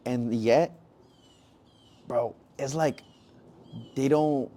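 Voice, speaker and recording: A man's voice: medium pitch, extremely slow, mellow. A man co-hosting a podcast in casual chat, rambling with lots of "bro" and "like". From Mexican-American family. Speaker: podcast co-host.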